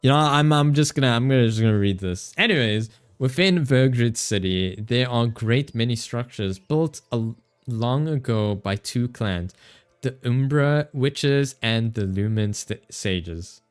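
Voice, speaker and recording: A man's voice: mid-range voice, expressive, measured pace, clear, resonant tone, faint music behind. A man streaming a game, chatting playfully with his chat, teasing and laughing, stumbling as he reads game text aloud. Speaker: VTuber streamer. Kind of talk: casual gaming livestream chat.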